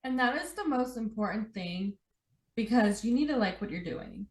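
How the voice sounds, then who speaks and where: A young adult woman hosting a podcast in a relaxed conversation, talking chattily and saying "like" a lot. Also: a little high, moderate pace. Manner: chatty, says "like" often. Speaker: podcast host. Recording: roomy echo.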